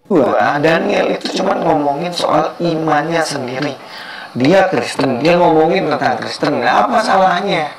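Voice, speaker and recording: A man's voice: fairly high pitch, lively intonation, unhurried. A man in a played clip arguing his case and asking pointed questions. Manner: argumentative, asks pointed questions. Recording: clip with crowd noise behind.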